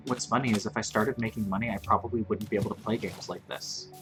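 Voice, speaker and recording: Talking quickly in a lowish, steady tone, this male streamer in his 20s keeps up a chatty, meandering commentary while he plays. He jokes at his own expense, and game music fills the background.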